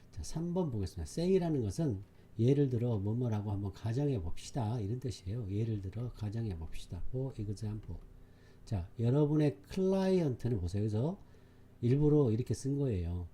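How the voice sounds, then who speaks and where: A man's voice: mid-range voice, dark tone, breathy edge. A man teaching an English exam-prep lesson, repeating key words emphatically and often checking that students follow. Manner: repetitive, emphatic, keeps checking understanding with the class. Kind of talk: exam-prep lecture explaining a reading passage.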